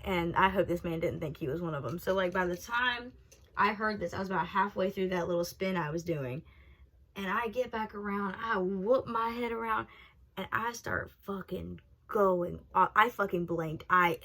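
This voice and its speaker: Young female vlogger, casual and profane, animated storyteller. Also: mid-range voice, normal speed. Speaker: vlogger telling a personal story.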